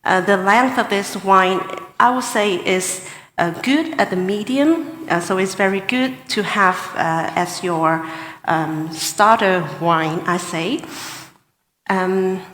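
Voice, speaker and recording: Slow-speaking woman in an echoey hall. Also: mid-range voice, a bit bright. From Vietnam. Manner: deliberate, pausing, hesitant phrasing in short chunks. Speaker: sommelier competition contestant. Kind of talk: spoken wine tasting assessment before judges. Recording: echoey hall with long reverb.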